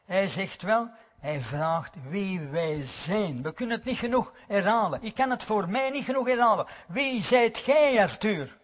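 A man's voice: high-pitched, animated, normal speed, fairly bright tone. A man preaching a sermon earnestly, repeating key words for weight. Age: 90s. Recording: dull, reverberant hall recording.

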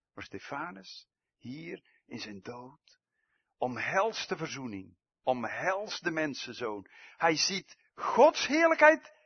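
A man delivering a slow sermon in a husky voice. His pitch rises and falls widely, and he swings from loud emphatic outbursts to hushed, low passages. The recording sounds dull and lo-fi. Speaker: preacher.

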